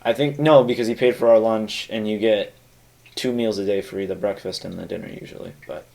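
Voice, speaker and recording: A young man in casual chat on a podcast, answering in brief, low-key remarks. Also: steady tone, a little fast, gravelly, a little mellow, rough recording.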